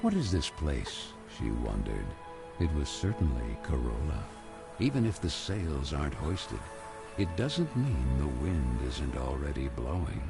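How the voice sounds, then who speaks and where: A man playing a solemn storybook narrator of a dark fairy tale, theatrical and measured in an animated game. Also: rumbling low, creaky, heavily acted. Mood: solemn, wondering. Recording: music under the narration.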